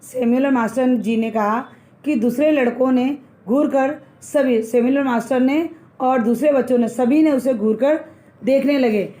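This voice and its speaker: A woman's voice: sits high, a little slow, warm tone. A woman teacher retelling a textbook story as a lesson, repeating phrases and explaining the meanings of words.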